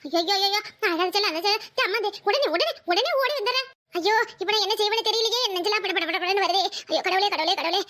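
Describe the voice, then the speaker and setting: A woman voicing a loud, scolding middle-aged aunt in a Tamil village cartoon, shrill and given to wailing. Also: fast. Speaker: cartoon character.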